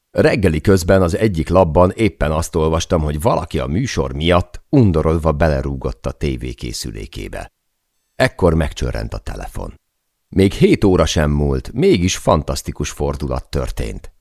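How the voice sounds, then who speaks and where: A man narrating a memoir audiobook as a steady, scripted storytelling reading. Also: a bass voice, no room sound, studio quality.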